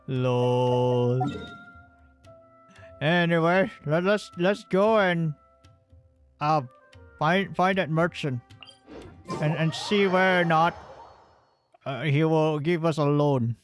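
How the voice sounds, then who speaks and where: A man's voice: on the high side, slow, long pauses, faint music behind. Male VTuber streamer, casual game commentary, stammers, swears, jokes. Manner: rambling, stammering, swearing, jokey.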